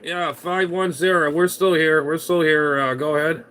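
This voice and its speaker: A man works a CB radio, repeating call signs and chatting folksily. His voice sits a little high. Shortwave static and hiss run clearly through the recording. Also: level tone, moderate pace. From United States. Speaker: CB radio operator livestreaming. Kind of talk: radio call-outs and casual chat.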